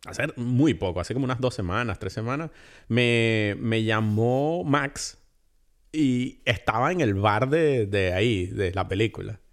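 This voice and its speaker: A man's voice: lowish voice, measured pace. A man co-hosting a podcast in casual film chat, often chipping in with short fillers. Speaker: podcast co-host.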